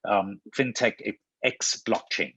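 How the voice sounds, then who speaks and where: A man from Hong Kong giving a webinar presentation over a video call, halting and often restarting his words. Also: on the low side, sharp tone, breathy edge, dry recording, dull audio. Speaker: panelist presenter.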